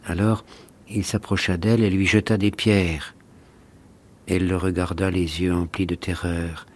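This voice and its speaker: A man reading a fairy tale aloud as scripted narration, in a measured and solemn manner. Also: low voice, level tone.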